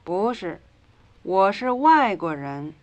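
A woman reading her part in a scripted language lesson dialogue, speaking drill lines slowly and deliberately, on a dull lo-fi 1950s record. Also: medium pitch, sing-song.

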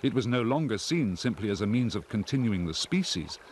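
A man reading scripted nature documentary narration in a measured, explanatory way. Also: on the low side, big pitch swings, a little mellow, a little hiss or hum.

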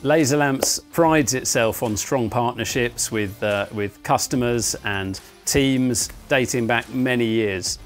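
A man in his thirties leads a walking tour of his company's factory and offices, speaking at a middle pitch. His delivery is measured and explanatory, with frequent "uh" fillers, and he sounds close to a clip-on mic. Faint music plays underneath. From England. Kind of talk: guided walking tour presentation. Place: large indoor offices and factory floor.

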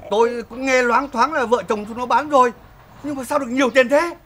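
An actor playing a hot-headed, blustering drunk village husband in a slapstick comedy film. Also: male voice, extremely high pitch, steady tone, a little fast, slight background noise. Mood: grumbling. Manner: blustering, shouting threats. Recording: film scene with music underneath.

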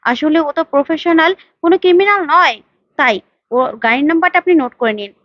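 A woman's voice: very high voice, animated, quick pace, no room sound, dull audio. A woman reading the lines of a determined, level-headed young heroine in a retold TV serial. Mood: earnest. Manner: earnest, explaining.

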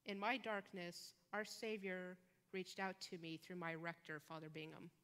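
A woman preaching a sermon as a guest preacher in a church, measured and emphatic, pausing on key words. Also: fairly low pitch, little pitch movement, fairly bright tone, smooth. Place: church sanctuary. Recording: long church reverb.

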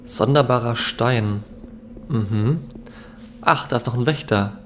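A man's voice: mid-range voice, slow pace, fairly bright tone, a little hiss or hum. A young man giving casual let's play commentary in a laid-back, musing way. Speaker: let's player. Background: game ambience.

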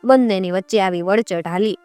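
A woman narrates a folk tale in a measured, rhythmic cadence. Her voice is smooth and mid-pitched, recorded close and dry with soft music beneath. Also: no room sound. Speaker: storyteller.

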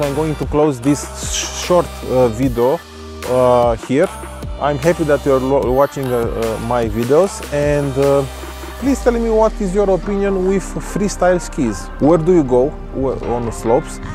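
His voice is medium-pitched and warm as this thirtysomething vlogger hesitantly talks through a pair of skis outdoors at the foot of a slope. The casual review, full of fillers and restarts, is captured by a camera on a tripod at medium distance.

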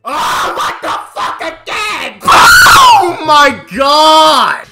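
A young man streaming games, shrieking in a high voice that leaps wildly. He reacts in incredulous, sweary bursts, drawing out his words, with loud game music behind him. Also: huge pitch swings, drawn-out words. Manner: screaming, incredulous, sweary outbursts. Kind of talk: excitable live gaming reactions. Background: video game music.

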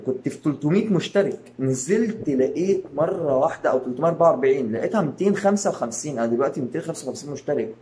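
Fast-talking Egyptian man vlogging. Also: medium pitch, darkish tone. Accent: Egyptian Arabic. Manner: rambling, many fillers and restarts. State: tired. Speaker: YouTube channel host. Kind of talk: casual channel update to viewers.

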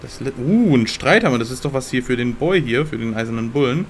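Young guy for let's-play commentary, slangy and excitable, mid-pitched, faint hiss behind him. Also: a little fast. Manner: slangy, excitable, talks to the game characters. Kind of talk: casual gameplay commentary.

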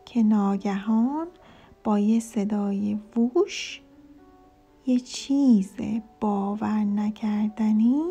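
Woman reading a kids' book aloud, dark mellow husky voice, faint music, kinda lo-fi. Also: mid-range voice. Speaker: storyteller.

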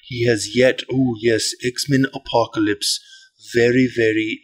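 A man putting on a polite, earnest golf commentator, giving measured, deliberate mock sports commentary. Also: medium pitch, flat delivery, close to an everyday voice. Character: mock golf announcer, male, polite, earnest, calling an unboxing.

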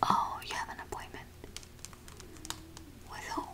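Whispered role-play of a woman doing a laid-back lady eye doctor, super soft breathy whispering, little pauses for the patient to answer. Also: lightly acted. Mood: casual, chatty. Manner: halting, murmured one-sided conversation with pauses for replies. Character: casual, easygoing female eye doctor with a patient. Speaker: ASMR performer. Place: small home office, indoors. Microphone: large microphone close beside her.

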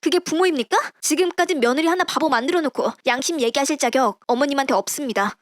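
A woman's voice: high-pitched, fast, natural voice. A woman voicing a young daughter-in-law who speaks firmly and in polite, pointed formal speech. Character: wronged young daughter-in-law, firm and steady. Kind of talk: dramatized story voice acting.

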